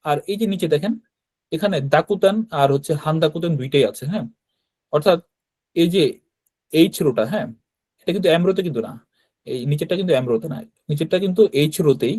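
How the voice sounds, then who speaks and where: A man's voice: fairly high pitch, quick pace, pauses often, darkish tone, no echo. Man teaching in Bengali, dry close sound. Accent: Bangladeshi Bengali. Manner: explains patiently, often checks in with "right?". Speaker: Japanese language teacher. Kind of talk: online class with screen sharing.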